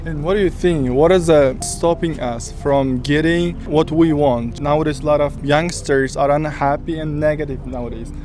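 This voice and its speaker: Mellow-voiced man asking street interview questions. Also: on the high side, normal speed, few pauses, soft background music. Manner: asks short questions with non-native phrasing.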